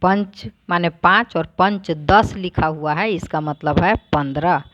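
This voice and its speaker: Slow, low-voiced woman teaching a lesson. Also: fairly bright tone, no echo, highs cut off. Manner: reads each word, then explains it plainly. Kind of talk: slow, deliberate lesson explanation.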